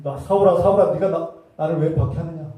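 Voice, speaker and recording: A man preaching who voices Jesus as a stern grown man, accusing and forceful. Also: fairly high pitch, brisk, close to an everyday voice. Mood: stern rebuke. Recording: echoey hall, voice from a distance.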